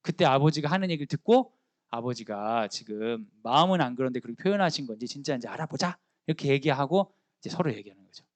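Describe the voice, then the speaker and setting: A man's voice: medium pitch, fast talker, dry recording. A man, a school chaplain, preaching a sermon in a storytelling way and asking the listeners questions. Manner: lively storytelling, acting out the characters' lines; asks the listeners questions directly.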